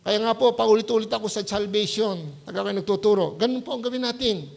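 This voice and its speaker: High, gravelly-voiced male pastor preaching. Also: quick pace. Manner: keeps asking the congregation "Hello?" to check they follow; mixes English words into Tagalog preaching. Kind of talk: sermon. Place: church service.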